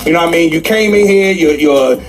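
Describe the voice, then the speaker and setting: A man's voice: fairly high pitch, brisk, over music. A man hosting a morning radio show, chatting informally and effusively with his guest. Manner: effusive, informal, gives shout-outs.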